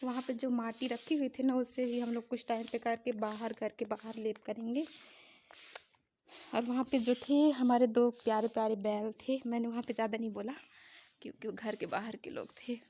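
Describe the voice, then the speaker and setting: A woman's voice: fairly high pitch, little pitch movement, normal speed, dark tone. A young woman vlogging casually as she tours her rural home outdoors, chatty and a little apologetic, recorded on a handheld phone. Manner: chatty, apologetic, homely commentary. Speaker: village vlogger. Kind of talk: casual village vlog tour.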